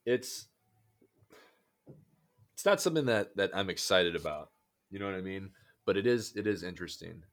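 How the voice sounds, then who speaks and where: A young man co-hosting a laid-back podcast, talking easily and laughing often. His voice sits on the lower side. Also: expressive, moderate pace, long pauses. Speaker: podcast co-host. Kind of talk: casual chat.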